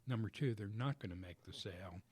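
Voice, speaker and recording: Low husky man explaining methodically. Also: a little mellow. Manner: measured, explanatory, lists points methodically. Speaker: business coach guest. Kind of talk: radio interview answers. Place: radio studio.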